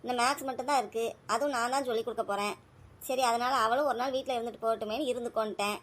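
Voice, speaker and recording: High-voiced mother in casual family chat. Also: steady tone, a bit bright. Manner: brisk, scolding yet caring.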